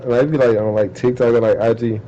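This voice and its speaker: A man's voice: mid-range voice, fairly even intonation, quick pace, mellow, lo-fi sound, a little hiss or hum. A man in casual, profane trash talk with friends, boasting and breaking into laughter often.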